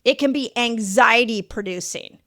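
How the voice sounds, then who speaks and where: A woman's voice: fairly high pitch, moderate pace, pushed and bright, dry recording, clean studio sound. A middle-aged woman hosting a podcast interview, affirming her guest and thinking aloud with restarts. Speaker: podcast host. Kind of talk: conversational interview.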